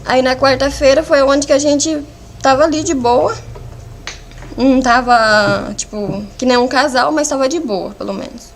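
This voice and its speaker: A woman with a Brazilian accent giving courtroom testimony as a defendant, in a halting, fragmented way full of restarts. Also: high voice, a little hiss or hum. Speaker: defendant under questioning. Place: courtroom hearing.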